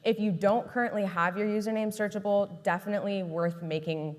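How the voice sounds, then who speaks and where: A woman's voice: mid-range voice, steady tone, a little fast. A young woman giving an upbeat, chatty talk at an expo, with many fillers. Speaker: presenter. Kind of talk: conference talk. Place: large expo hall. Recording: long hall reverb.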